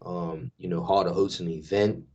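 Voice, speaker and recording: Bermudian male guest, very deep voice, laid-back slangy chat, lo-fi sound. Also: fairly even intonation, normal speed, a little mellow. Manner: loose, conversational, street-casual phrasing. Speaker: guest, DJ and culture worker. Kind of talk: casual podcast chat. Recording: dull lo-fi sound.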